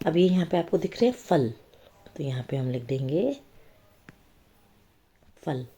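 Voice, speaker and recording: Low, mellow-voiced woman teaching children reading. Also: lively intonation, husky. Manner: slow, patient explaining with frequent check-ins.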